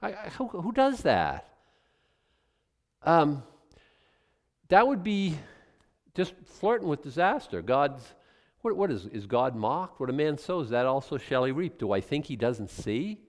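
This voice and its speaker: A man's voice: a little high, big pitch swings, a little slow, pauses often. Man preaching in a reverberant hall. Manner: musing aloud, thinking through his guesses with chuckles. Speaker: pastor. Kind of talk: conversational Bible teaching.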